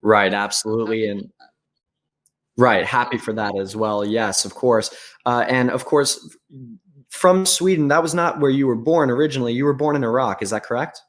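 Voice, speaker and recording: A man interviewing a fighter over a call, asking polite, measured questions with occasional "uh" fillers. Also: mid-range voice.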